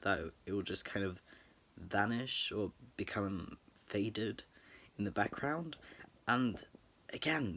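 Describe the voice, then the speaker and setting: A young man speaking to camera in a late-night personal reflection, earnest and thoughtful, pausing and restarting as he searches for words. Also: fairly low pitch, a bit bright. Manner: halting, thoughtful, many pauses and restarts. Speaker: vlogger.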